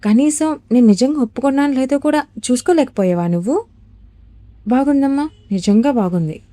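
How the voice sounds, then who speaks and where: A woman's voice: high-pitched, expressive, fast talker, no room sound, pitched above the performer's own voice. A woman voicing a furious, sneering young husband. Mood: mocking rage. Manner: shouting, sneering insults. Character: furious jealous young husband, harsh and cruel.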